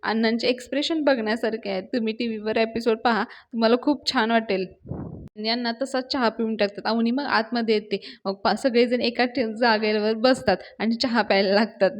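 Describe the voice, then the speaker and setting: A woman's voice: a little high, steady tone, brisk. Chatty woman recapping a serial. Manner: chatty, addresses audience directly. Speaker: serial episode reviewer. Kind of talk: casual storytelling recap.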